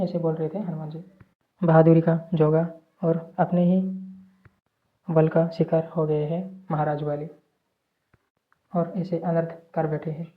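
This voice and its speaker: Woman narrator, casual story recap, steady monotone, frequent self-corrections, tinny phone-quality sound. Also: low-pitched. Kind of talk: casual retelling of a film's story.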